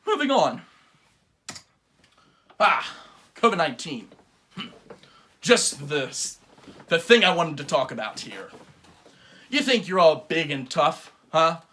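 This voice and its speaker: A man hosting a home-made comedy talk show from his bedroom, going on excitable mock rants that swing from mumbling to yelling. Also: on the high side.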